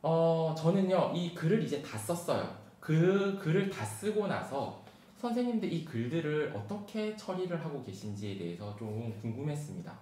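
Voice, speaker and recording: Fast-talking Korean man lecturing teachers. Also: fairly high pitch. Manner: talks quickly, reads a picture book aloud with lively emphasis. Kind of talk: online teacher-training lecture. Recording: roomy sound with faint background hiss.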